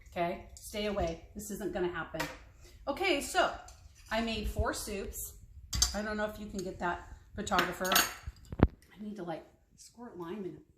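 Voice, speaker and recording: A woman's voice: medium pitch, a little hiss or hum. A woman taste-testing recipes in a casual kitchen vlog, chatty and frank with hesitant asides. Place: home kitchen. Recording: echoey kitchen, clinking dishes.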